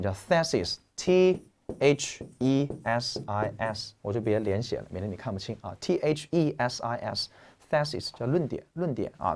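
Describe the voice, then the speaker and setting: Joking, lively man teaching vocabulary. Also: mid-range voice. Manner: lively, joking, slangy explaining. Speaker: English teacher. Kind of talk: classroom vocabulary lecture.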